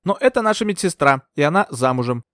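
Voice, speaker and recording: A man's voice: fairly high pitch, big pitch swings, quick pace, fairly bright tone, no room sound, clean studio sound, voice pushed up. A man reading an audiobook, voicing a composed, firm female nurse. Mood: coldly calm. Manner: imperturbable, firm. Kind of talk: audiobook character voice.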